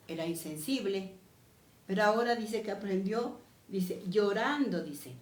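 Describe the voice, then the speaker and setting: A woman's voice: medium pitch, darkish tone. Woman preaching in an echoey church. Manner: emphatic, repeats key phrases. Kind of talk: sermon.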